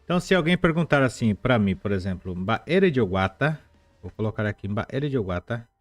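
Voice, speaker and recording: A low-pitched man leads a live online language class, spelling out words slowly and repeating them for his students. He slips into friendly asides between examples. The sound is dry and close, with faint music underneath. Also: big pitch swings, dry recording. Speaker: language teacher.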